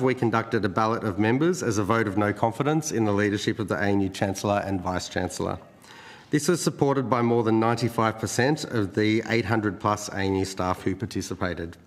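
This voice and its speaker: Aussie guy, union official, kinda low voice, formal prepared statement, lots of room reverb. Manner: formal, measured. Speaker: union division secretary. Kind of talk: prepared opening statement to a parliamentary committee. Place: committee hearing room. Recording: echoey hearing room with long reverb.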